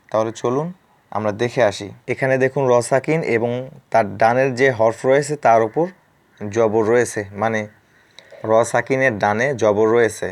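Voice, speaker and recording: A man teaching a recitation lesson, explaining each rule twice and spelling out letters slowly before repeating each word. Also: medium pitch.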